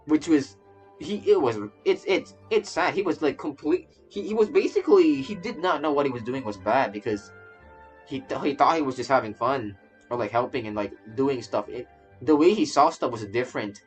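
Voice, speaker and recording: This man speaks at a medium pitch and normal speed, casually commenting on the game he's streaming and reacting to its story. He stammers and repeats himself as he rambles along. Game music sits behind his voice.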